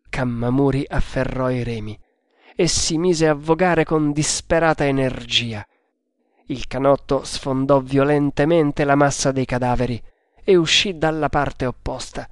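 A man narrating an adventure story in an audiobook with slow, deliberate storytelling. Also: mid-range voice, dry recording, studio quality.

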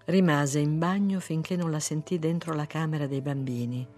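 A narrator reading a literary story aloud in a measured, unhurried way. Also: medium pitch, fairly even intonation, darkish tone, soft background music.

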